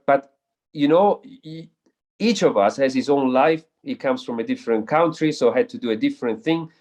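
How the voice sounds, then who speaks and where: In a darkish, mid-range voice, an air race pilot talks thoughtfully and sincerely in a relaxed interview, frequently tripping over and repeating words while hunting for the right ones.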